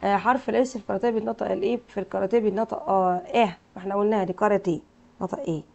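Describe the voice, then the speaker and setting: A woman's voice: mid-range voice, fairly even intonation, racing, gravelly, a little mellow. A woman with an Egyptian Arabic accent teaching English to children. She repeats every word several times in drills and quizzes the kids. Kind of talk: classroom lesson with drilled repetition. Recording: muffled lo-fi recording.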